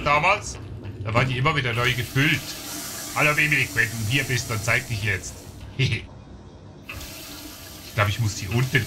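A man giving casual let's-play commentary, chatting to his viewers and getting excited in fights. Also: medium pitch, noisy background. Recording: game music behind the voice.

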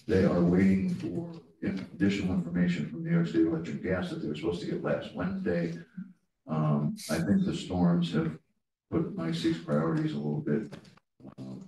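A man giving a project update to a board committee, with many ums and pauses, recorded in a conference room from a distant camera. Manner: halting, many ums, animated pitch swings. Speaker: staff member reporting to a board committee. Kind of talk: meeting update. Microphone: far room camera. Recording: very echoey room, distant mic, faint noise.

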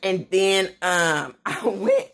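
In a small room at home, a woman in her 30s, a vlogger with many children, chats casually to camera, rambling and laughing along the way. She speaks slowly in a mid-range voice with a fairly bright tone.

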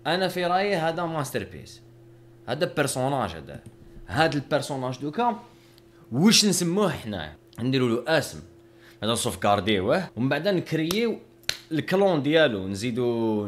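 A man's voice: medium pitch, slight background noise. A young man, casually talking through a drawing with joking, self-mocking banter. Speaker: video creator. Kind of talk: casual narration while drawing.

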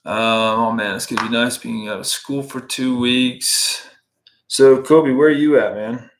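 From a home room, a US man in his thirties livestreams a casual fly-tying lesson, chatting with viewers and answering their comments while working in a relaxed way. His voice is mid-range and a little slow.

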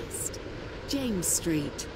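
A woman's voice: on the low side, big pitch swings, very slow, full character voice. A woman voicing a recorded onboard train announcement. She reads the stops in a clipped, list-like way. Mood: formal. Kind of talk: recorded calling-point announcements. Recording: game audio over loud train noise.

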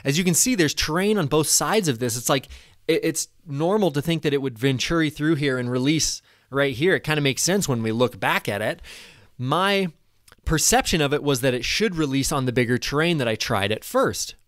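A man in his thirties giving a casual, excited commentary over a replay of his own flight, at a desk microphone in a small room. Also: on the high side, moderate pace, no room sound, clean studio sound. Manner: enthusiastic, casual, swears when excited. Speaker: paragliding vlogger. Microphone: desk microphone in front.

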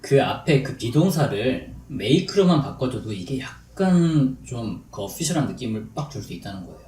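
Lively man teaching business English. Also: mid-range voice. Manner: chatty, drills English lines slowly and deliberately. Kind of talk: casual lecture with drills. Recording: echoey room, distant mic, faint noise.

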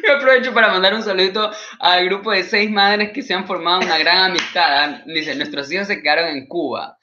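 Brief: Ecuadorian male stand-up, lively and bright-toned, dull roomy recording. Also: high voice, a little fast. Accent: Ecuadorian Spanish. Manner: animated, mimics scolding mothers in a shifted voice. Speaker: comedian. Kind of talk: stand-up comedy, live stream.

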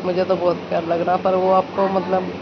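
Talking a little fast in a lowish, monotone voice, a woman narrates and chats casually for her village home vlog. Background noise comes through clearly on the muffled phone audio.

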